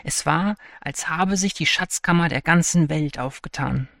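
A man reading a fairy tale aloud in a calm, even storytelling manner. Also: fairly high pitch, measured pace, gravelly, no room sound, studio quality. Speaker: narrator. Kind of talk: scripted fairy-tale narration.

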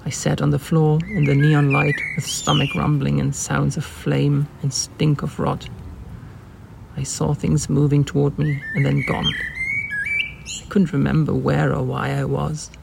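Male reader, deadpan literary fiction, flat delivery, gravelly; noisy take with birdsong. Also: fairly high pitch, unhurried. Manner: deadpan, even reading. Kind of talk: reading literary fiction aloud. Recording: noisy recording with birdsong behind. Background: birds chirping.

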